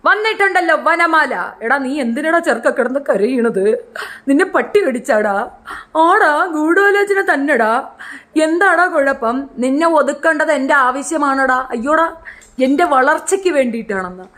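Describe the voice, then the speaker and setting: A woman's voice: sits high, lively intonation, moderate pace, fairly bright tone. A woman channel host delivering a heated, confrontational rant to camera, scolding and taunting someone directly.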